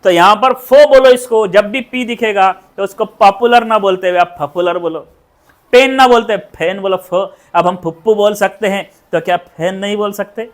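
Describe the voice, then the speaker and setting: A woman with an Indian accent teaching English pronunciation, repeating each word several times and asking quick questions to check the class. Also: medium pitch, steady tone. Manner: drills words by repeating them, asks quick check questions. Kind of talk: pronunciation lesson.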